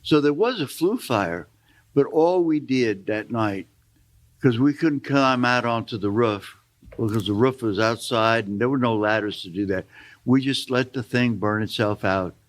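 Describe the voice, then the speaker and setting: A man's voice: mid-range voice, measured pace. An older man telling rambling, folksy stories as a guest on a talk show. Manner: rambling, folksy storytelling with asides. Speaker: storytelling guest. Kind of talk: casual storytelling on a talk show.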